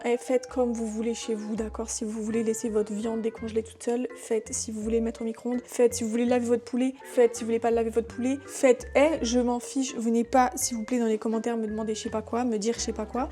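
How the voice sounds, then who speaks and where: A woman's voice: fairly high pitch, warm tone. A young woman in her twenties chatting casually and teasingly while cooking in her home kitchen. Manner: chatty, teasing, talks to herself. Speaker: vlogger. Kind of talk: casual cooking vlog chat.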